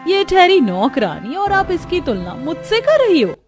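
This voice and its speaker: A woman voicing a touchy young unmarried woman who takes offense quickly and talks in an indignant, raised voice. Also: very high-pitched, huge pitch swings, over music, pitched above the performer's own voice, heavily acted.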